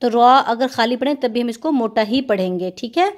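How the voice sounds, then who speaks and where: A woman teaching Quran recitation rules, explaining patiently step by step and stretching words slowly when she demonstrates sounds. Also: on the high side, expressive. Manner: patient, explains step by step, repeats "theek hai".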